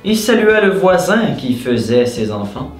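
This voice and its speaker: Lively man reading a mad lib. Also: a little high, unhurried, roomy sound, soft background music. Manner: laughs and shouts often while reading. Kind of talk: casual comedic game reading.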